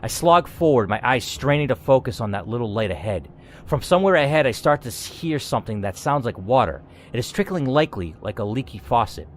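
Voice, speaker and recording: Faint music plays behind a man narrating a scripted story as a gaming host. He reads briskly at a medium pitch, theatrical and dramatic, expressive and peppered with asides.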